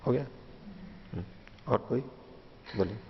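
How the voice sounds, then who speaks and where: Gravelly-voiced man teaching scripture. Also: on the low side, measured pace, slight background noise. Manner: recites a verse, then explains it with patient repetition. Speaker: teacher of philosophy. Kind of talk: line-by-line scripture lecture. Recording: dull lo-fi recording in a reverberant hall.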